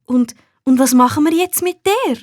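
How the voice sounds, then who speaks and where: A woman with a Swiss German accent voicing an excited, earnest little girl in a children's storybook, high and loud. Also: normal speed, no room sound, clean studio sound.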